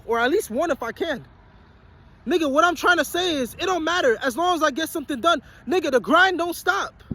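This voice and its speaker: With a very high, fairly bright voice, a young vlogger and aspiring musician in his twenties rants bluntly and profanely to his audience, trying to motivate them after a long day at work. He circles back to the same points again and again.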